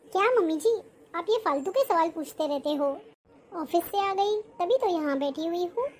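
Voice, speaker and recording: Woman doing a haughty young daughter-in-law, very high voice, snappish, complaining, dismissive, cartoon drama. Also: lively intonation, normal speed. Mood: irritated. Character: arrogant, scornful young working daughter-in-law. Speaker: schoolteacher character.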